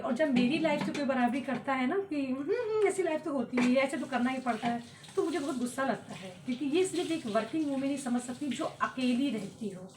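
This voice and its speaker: A young woman talks straight to her phone camera in a casual vlog, sounding tired and feverish as she grumbles through her day's chores. Her voice sits fairly high. Faint background noise runs under it. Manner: tired, complaining, talking through daily chores. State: feverish and worn out. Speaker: vlogger.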